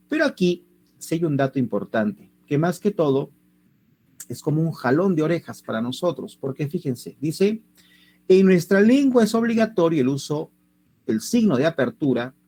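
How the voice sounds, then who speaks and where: Lively teacher, animated pitch. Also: male voice. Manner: lively, rhetorical questions to students. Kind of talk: online language class.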